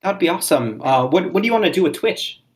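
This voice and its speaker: A podcast host with a husky, slightly breathy voice, asking questions hesitantly. The host fills pauses with ums and keeps the conversation loose and casual. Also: mid-range voice, animated. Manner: hesitant, lots of ums, laughs along. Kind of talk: casual interview chat.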